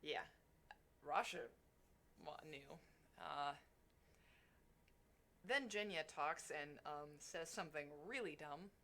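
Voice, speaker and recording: A young woman casually retelling a tabletop game as a player, in a halting, wry, sarcastic way. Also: deep voice, fairly bright tone. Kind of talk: casual storytelling chat.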